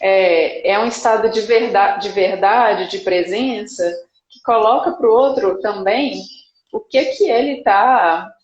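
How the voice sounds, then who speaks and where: A woman, a psychologist guest, speaking thoughtfully and calmly on a live video call. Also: mid-range voice, reverberant, lo-fi sound. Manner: thoughtful, measured, some restarts. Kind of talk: casual reflective live chat.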